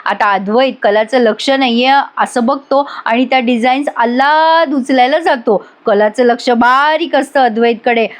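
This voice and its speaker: A woman giving a chatty voice-over review of a TV serial episode, storytelling and addressing viewers directly. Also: sits high.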